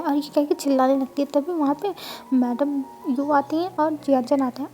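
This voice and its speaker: High, mellow-voiced woman telling a story. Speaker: fanfiction storyteller. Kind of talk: casual storytelling narration.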